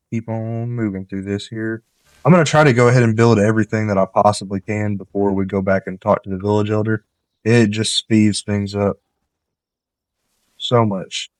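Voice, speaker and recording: A male let's-play commentator, starting to catch a cold, talks in a lowish, slightly nasal voice at normal speed with frequent pauses. He's relaxed and rambling, sharing tips while he plays casually. Captured on a close desk mic, the sound is dry and free of room echo.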